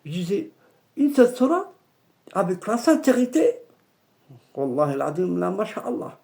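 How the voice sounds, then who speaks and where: High-voiced gravelly man telling a story. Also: big pitch swings, normal speed, a little mellow. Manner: repetitive with many restarts, drops Arabic religious phrases. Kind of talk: personal storytelling.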